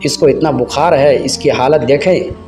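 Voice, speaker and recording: A man voicing a gentle young husband who speaks softly and affectionately. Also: medium pitch, normal speed, over music, lightly acted. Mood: tender. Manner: soft, affectionate.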